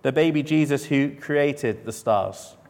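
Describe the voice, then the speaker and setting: A man preaching a sermon in a conversational way, asking the listeners questions and slowing down to stress his points. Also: medium pitch, a little mellow. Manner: conversational, with rhetorical questions and slowed emphasis.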